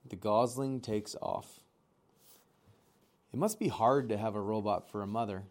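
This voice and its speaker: A man reading a children's storybook aloud, expressive and speaking directly to his listeners. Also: on the low side, a little slow. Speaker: audiobook reader. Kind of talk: storybook read-aloud with asides.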